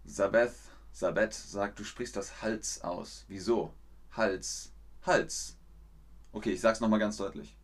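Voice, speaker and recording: A man teaching a live-streamed language lesson. He explains slowly and clearly, and his voice sometimes jumps up high with excitement. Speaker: German teacher and livestreamer.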